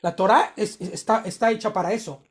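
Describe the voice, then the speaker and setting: A man's voice: high voice, steady tone, fairly quick. A man giving a conversational sermon on a Torah portion to his congregation, often checking in with short tag questions. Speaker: congregation teacher.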